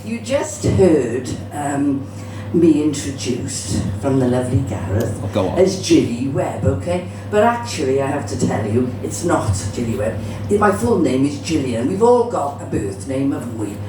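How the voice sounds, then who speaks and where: Performing stand-up live, this middle-aged Cardiff woman, with the city's Welsh accent, keeps things chatty and bawdy, swearing without restraint. She has a very deep, sing-song voice, talks at normal speed, and rarely pauses. Captured in a noisy venue, the sound is distant and roomy.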